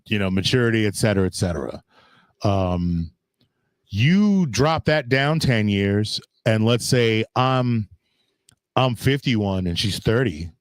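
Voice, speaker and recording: A man's voice: fairly low pitch, clean tone, no echo. Man, fifties, casual chat, rambling, lots of fillers, dry close sound. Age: 50s. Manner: rambling, many fillers and restarts. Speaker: podcast co-host.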